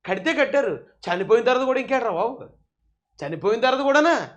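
A man's voice: very high-pitched, lively intonation, quick pace, fairly bright tone, highs cut off. A man giving heated political commentary, mocking and scolding his opponents in a sarcastic, taunting way.

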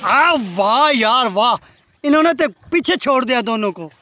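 Outdoors by a canal, a man gives playful mock sports commentary on his friends' jumps, teasing them, laughing often, and exclaiming "wah." His voice is very high-pitched and sharp, with lively intonation at a moderate pace.

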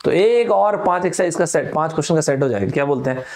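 A man's voice: a little high, animated, quick pace, a little mellow. A young man from India teaching vocabulary online, playful, acting out both himself and his students and quoting film lines. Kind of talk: lively Hindi vocabulary lesson.

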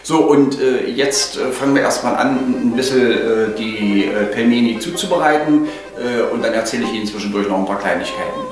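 An older man vlogs from his kitchen, chatting casually through home cooking with plenty of hesitations. His mid-range voice is fairly quick. He wears a lapel mic, yet the sound is echoey and distant, with music behind him.

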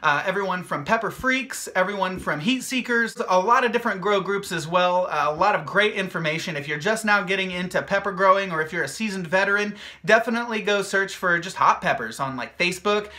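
A young man talks straight to his viewers in a loose, joking vlog style. He rambles cheerfully and fills his talk with "uh" and "like". His voice has a bright, forward edge. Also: high-pitched, brisk, hardly any pauses. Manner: upbeat, jokey and rambling, with many fillers. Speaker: hot sauce maker and video host. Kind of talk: casual chatty vlog.

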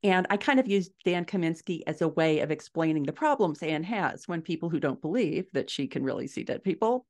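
A middle-aged American woman, a guest author and podcaster, explains things conversationally in an interview over a video call from her living room, thinking aloud as she goes. Her voice is low and darkish in tone, expressive, and fairly quick, with hardly any pauses.

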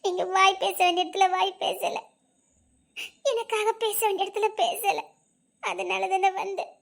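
A wounded young wife , voiced by a woman, speaks in a very high, thin voice. She sounds tearful and bitter as she levels her accusations in a spoken drama. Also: fairly even intonation, a little slow, creaky, exaggerated voice. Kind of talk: Tamil audio drama acting.

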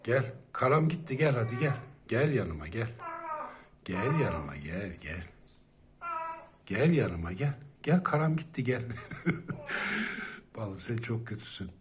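Man calling his cats over, slow and lilting, gently coaxing, noisy home recording. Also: medium pitch, sing-song. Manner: coaxing and soothing, many repeated calls. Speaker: pet owner. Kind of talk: casual talk to pet cats.

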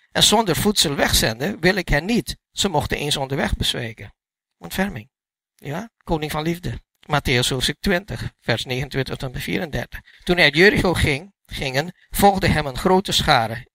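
A man's voice: fairly high pitch, vocal fry, pushed and bright, dry recording, low-quality recording. A man preaching a sermon in a church, reading Bible passages and explaining them, often turning to the congregation with a questioning "yes?" and restarting his sentences.

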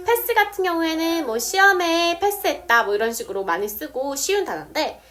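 A woman explaining English words step by step, saying example sentences slowly. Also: very high-pitched, expressive, a bit bright. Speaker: English teacher. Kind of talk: casual video lesson.

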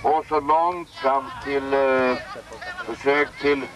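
A man giving live play-by-play commentary on a local football match outdoors, excitedly calling out player names. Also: mid-range voice, far from the mic.

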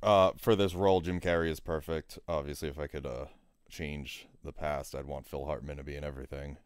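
A man's voice: rumbling low, steady tone, a little fast, clear, resonant tone, dry recording, clean studio sound. A man co-hosting a podcast in casual chat, joking and swearing freely. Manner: jokey, profane, bursts into mock voices. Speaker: podcast co-host.

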